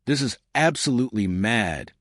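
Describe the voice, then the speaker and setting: A man's voice: mid-range voice, expressive, moderate pace, a bit bright, dry recording, studio quality, natural voice. A man reading the lines of an incredulous young British woman.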